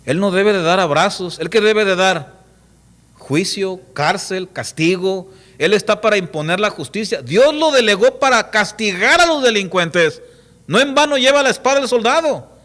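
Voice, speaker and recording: Preaching in church at a normal speed, a middle-aged pastor with a high voice speaks emphatically and poses one rhetorical question after another. His storytelling comes alive through vivid quoted voices.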